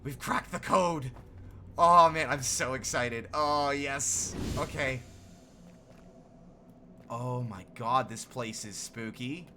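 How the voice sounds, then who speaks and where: A man commentating his own gameplay, thinking aloud and bursting into excited exclamations. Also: mid-range voice, takes it slowly, pauses often, slight background noise. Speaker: streamer playing a video game. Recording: game music behind.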